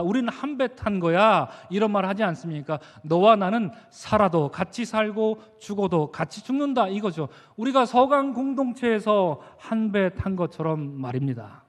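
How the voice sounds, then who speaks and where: A male pastor delivering a sermon, who acts out the disciples' frightened and angry words. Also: high-pitched. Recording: church hall reverb.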